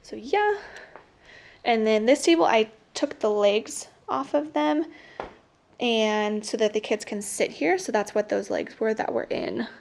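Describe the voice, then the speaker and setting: Young woman teacher walking around her classroom filming, chatty and rambly, lots of likes, bit of vocal fry, slightly high voice. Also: expressive, measured pace. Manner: chatty, rambling, many "like" fillers. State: slightly out of breath. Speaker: teacher and vlogger. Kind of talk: casual classroom tour vlog. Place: classroom, indoors.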